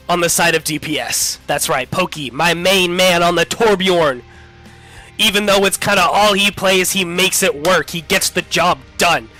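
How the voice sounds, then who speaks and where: A man calls a college esports final as the lead caster, hyping up each player on the lineup. He is a little under the weather. His voice is bright and a touch high, with faint music running underneath. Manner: upbeat, hypes the players. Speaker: play-by-play caster. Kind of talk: esports commentary.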